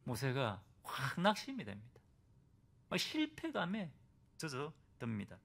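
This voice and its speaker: A man's voice: medium pitch, wildly swooping pitch, a little slow, creaky, fairly bright tone. A male pastor preaching a Sunday sermon at a church service. He keeps asking the congregation rhetorical questions and acts out the voices of biblical figures.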